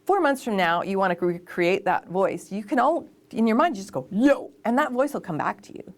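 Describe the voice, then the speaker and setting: A woman voice actor and casting director giving lively, emphatic advice in a conversational interview. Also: mid-range voice, a little fast.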